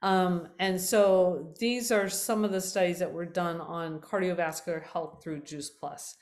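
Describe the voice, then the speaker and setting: A woman's voice: on the low side, steady tone, unhurried, a little mellow. A middle-aged woman hosting a casual health talk for her viewers, chatty, full of fillers and self-corrections, her voice a little worn as if she is losing it.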